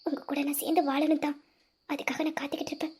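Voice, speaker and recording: A performer voicing a shy, soft-spoken young woman with firm principles, in an audio drama. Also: high voice, expressive, normal speed.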